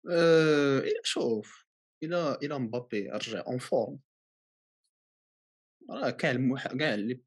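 A man's voice: medium pitch, normal speed, long pauses, husky. A man with a Moroccan accent in a casual football debate, insistently repeating himself and dropping in many French phrases.

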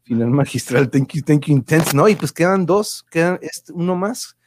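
A man's voice: on the high side, animated, normal speed, a little hiss or hum. A man with a Mexican accent hosting a casual live show, rambling playfully and dropping English words into his slangy thanks to listeners. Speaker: host of an online radio-drama show.

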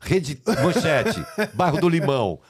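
A middle-aged man with a Brazilian accent, a guest telling lively, crude backstage stories on a podcast. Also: a little high, slow, slightly rough. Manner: lively, crude storyteller who acts out scenes. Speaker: guest, music producer. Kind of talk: storytelling in a podcast.

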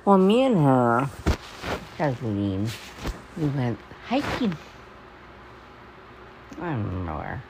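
A woman with toothless, gummy articulation, as if gumming soft food, rambling in a halting, repetitive, confiding monologue. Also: rumbling low, wildly swooping pitch, noisy background. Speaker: personal podcaster. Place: at home.

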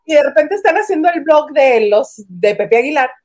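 A woman co-hosting a casual gossip chat, chiming in with quick quips. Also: sits high, lively intonation, a little mellow, no room sound.

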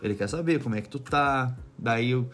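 With music playing in the background, a man speaks in a mid-range voice at a slightly quick pace. He's a Brazilian barber living abroad as an immigrant, with a southern Brazilian Portuguese accent, chatting through casual anecdotes full of slang and occasional swearing, acting out quoted remarks.

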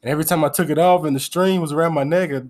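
Guy cohosting a podcast, kinda high voice, swears a lot, laughs his way thru stories. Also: rapid-fire. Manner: animated storytelling, profane, laughs often. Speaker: podcast co-host. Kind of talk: casual chat.

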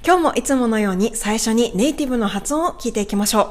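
A woman hosting an educational radio lesson as a pronunciation coach. She explains politely and repeats words slowly. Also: a little high, expressive.

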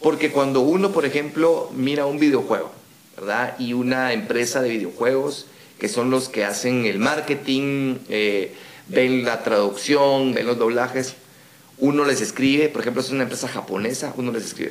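A Guatemalan man with a Guatemalan Spanish accent, a podcast guest who tells stories in an animated way and acts out the emails and phone calls. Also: mid-range voice, moderate pace, reverberant. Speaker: guest, dubbing studio founder. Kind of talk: casual podcast conversation.

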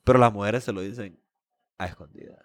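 A man's voice: lowish voice, steady tone, fairly quick, no echo. Blunt, crude-talking man in dry sound. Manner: blunt, profane and emphatic. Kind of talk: casual chat.

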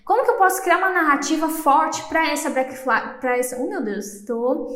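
A young woman from Brazil with a high-pitched voice hosts her own podcast. She talks quickly, stumbles now and then and laughs at her own slips. The room around her is noticeably echoey. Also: animated, fairly bright tone. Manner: fast-talking, self-deprecating, trips over words. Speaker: podcast host. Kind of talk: solo podcast talk.

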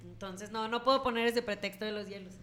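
A woman's voice: medium pitch, brisk, slight background noise. A young Mexican woman with a Mexican Spanish accent, telling a party story in casual chat and laughing often. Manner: laughing, lively anecdote telling.

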